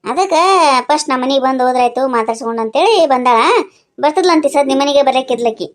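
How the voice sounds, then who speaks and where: A woman's voice: high voice, fast talker, close to an everyday voice. A woman voicing a patient middle-aged aunt in a cartoon, speaking soothingly. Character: motherly middle-aged aunt, gentle and calming.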